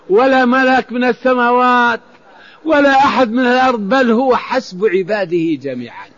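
A man's voice: high-pitched, fairly bright tone. A man preaching, telling an old story and explaining scripture, often restarting and repeating words. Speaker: Islamic preacher. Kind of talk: sermon storytelling with Quran commentary. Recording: dull lo-fi radio recording.

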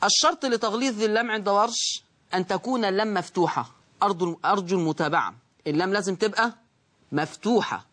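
A man with an Egyptian Arabic accent teaching a tajweed lesson. He explains slowly and draws out the recited words, and he asks the class questions that he then answers himself. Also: high-pitched, fairly bright tone.

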